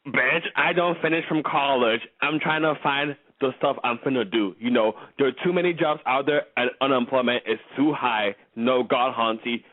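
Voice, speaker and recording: A man's voice: medium pitch, normal speed, hardly any pauses. A man calling in to a show, chatting casually in a campy, sassy, slangy way. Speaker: call-in listener. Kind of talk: casual chat. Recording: tinny phone call on radio.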